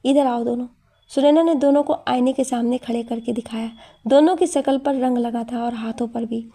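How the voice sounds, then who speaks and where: A woman's voice: fairly high pitch, moderate pace. A woman narrating a scripted audio story, reading steadily and voicing every character herself. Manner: steady storytelling, reads all the voices.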